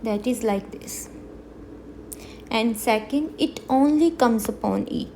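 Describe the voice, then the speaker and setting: A woman gives a beginner language lesson at a slow, deliberate pace, repeating each example word. Her voice sits a little high. The recording carries a steady background noise. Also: gravelly, low-quality recording. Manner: slow, careful teaching with repeated example words. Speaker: French teacher.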